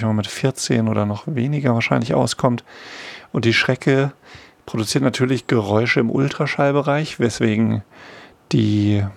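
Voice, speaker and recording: A man's voice: mid-range voice, gravelly, breathy edge, dry recording. A middle-aged man presenting an informal explanatory monologue, musing and wry, with hesitant asides. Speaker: host of a monthly sound feature.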